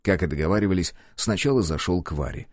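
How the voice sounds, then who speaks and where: A man narrating an audiobook in the first person, with expressive storytelling. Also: low voice, quick pace, no echo, studio quality.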